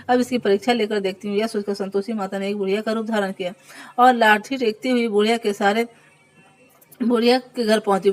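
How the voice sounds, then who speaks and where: A woman reading a devotional fasting tale aloud, at a steady pace that often stumbles and corrects itself. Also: medium pitch, poor audio. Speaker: devotional storyteller.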